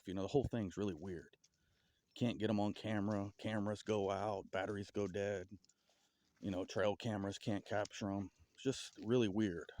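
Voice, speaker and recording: Low-voiced rambling Southern man outdoors. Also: darkish tone, no echo. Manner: rambling, halting, with stutters and restarts. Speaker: vlogger. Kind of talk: casual outdoor vlog musing. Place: outdoors in a forest.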